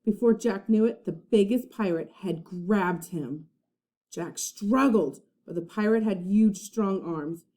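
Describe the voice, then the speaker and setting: Like a teacher, a woman reads a children's storybook aloud with expressive, dramatic narration. She has a mid-range voice and takes a slow pace.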